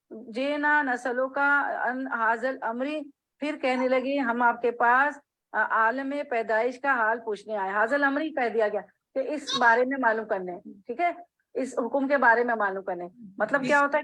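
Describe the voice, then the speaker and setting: A woman with a high, fairly bright voice teaches a hadith class, heard through a rough recording. She reads the Arabic text line by line, explains each phrase in Urdu, and checks that her students are following.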